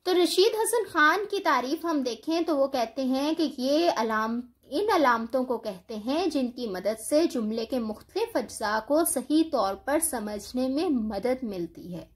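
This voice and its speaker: High-voiced woman teaching grammar. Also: lively intonation, few pauses. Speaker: Urdu teacher. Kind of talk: scripted educational lecture.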